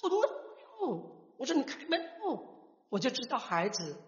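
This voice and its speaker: Halting middle-aged man in an echoey hall. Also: very high voice, very animated, a bit bright. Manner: halting, restarts words mid-phrase. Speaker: father giving a testimony. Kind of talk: personal testimony storytelling. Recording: echoey hall, dull lo-fi sound.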